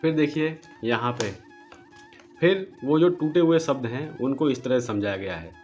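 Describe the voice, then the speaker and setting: Man glossing Sanskrit verses slowly. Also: mid-range voice, animated, a little mellow, faint music behind. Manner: slow deliberate word-by-word glossing of Sanskrit. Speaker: Gita book presenter. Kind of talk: explanatory book walkthrough.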